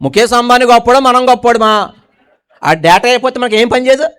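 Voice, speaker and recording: A male pastor preaches fast in a high, resonant, smooth voice with fairly even intonation. He repeatedly questions the congregation in call-and-response style, moving between emphatic declarations and hushed, low asides.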